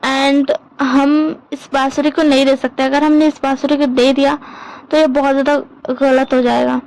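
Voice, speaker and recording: A woman voicing a gentle, easygoing young man who speaks calmly, as part of a storytelling narration. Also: high voice, normal speed, low-quality recording. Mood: mild.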